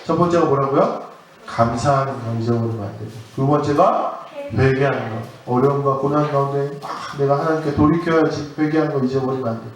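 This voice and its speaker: A middle-aged man, a pastor, preaching an earnest sermon with drawn-out stresses. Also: mid-range voice, fairly even intonation. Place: church sanctuary. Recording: echoey church hall, mic at a distance.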